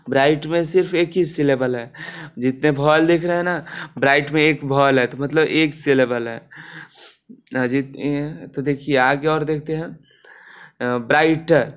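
A man teaching a grammar lesson, explaining step by step with many fillers and restarts. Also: fairly high pitch.

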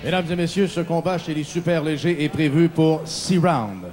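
A man giving formal, drawn-out ring introductions in the manner of an arena announcer. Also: fairly high pitch, over music. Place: boxing ring in an indoor arena.

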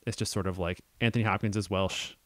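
A man's voice: low voice, steady tone, fast, a bit bright, no room sound, clean studio sound. A young man co-hosting a casual podcast about a film adaptation, thinking aloud with many ums and restarts. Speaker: podcast co-host.

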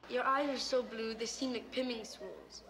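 A woman's voice: fairly high pitch, moderate pace, echoey room, crowd noise, lightly acted. An actress playing a shy, awkward young teen boy asking a girl out, on old TV audio with music.

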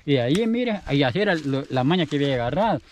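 A man's voice: on the high side, very animated, fast, slight background noise, rough recording. A Salvadoran man telling a story in casual, rambling speech, often repeating himself. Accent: Salvadoran Spanish. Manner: chatty, rambling, repeats his words. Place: outdoors in the countryside.

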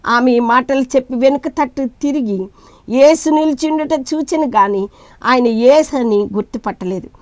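Woman giving a sermon, kinda high voice, dead dry sound, talks straight to the listeners like they're her dear kids. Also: moderate pace, no echo. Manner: rising to loud emphatic peaks, then dropping to soft appeals; addresses listeners directly as beloved children. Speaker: preacher.

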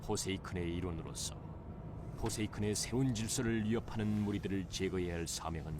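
A man plays a solemn narrator for a fantasy game's opening cinematic. The voice sits very low and heavy, and there is clear noise laid under it in the stream audio. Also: fast, lightly acted. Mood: grave. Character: grave male narrator of an undead war. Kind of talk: solemn scripted game narration.

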